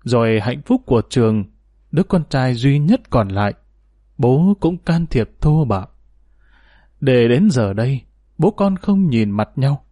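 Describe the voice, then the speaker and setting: A man's voice: mid-range voice, dark tone, no echo, highs cut off. Man reading as a remorseful father near sixty. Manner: grave, regretful reading.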